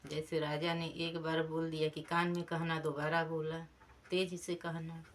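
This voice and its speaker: A woman telling a simple folk tale and closing it with its moral, in a plain, unhurried way. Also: sits low, flat delivery, slight background noise. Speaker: storyteller.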